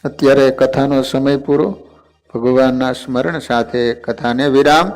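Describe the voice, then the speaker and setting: A man's voice: medium pitch, steady tone, unhurried, soft background music. A man narrating a devotional story as preacher, speaking to his listeners as devotees. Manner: addresses listeners as devotees, does character voices.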